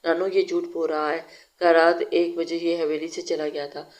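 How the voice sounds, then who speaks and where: Jealous young woman, accusing, flat voice, read by the narrator. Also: mid-range voice, moderate pace, natural voice.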